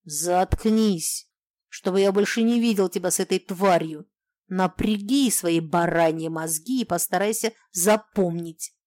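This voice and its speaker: A woman's voice: mid-range voice, animated, unhurried, darkish tone, no echo, lightly acted. Woman doing a snarling bullying husband. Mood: menacing. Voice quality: snarling, rough and threatening. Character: coarse bullying middle-aged husband, menacing.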